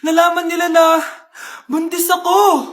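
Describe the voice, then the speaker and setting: A woman's voice: very high voice, level tone, a little slow. A woman playing a distressed pregnant friend, pleading melodramatically in a comedy skit. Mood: distraught pleading. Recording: roomy indoor echo.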